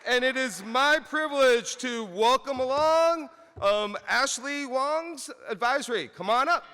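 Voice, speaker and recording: A man announcer at a high school graduation ceremony, calling out graduates' names in a slow, deliberate way. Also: sharp tone, smooth, in a large hall. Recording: faint crowd and background noise.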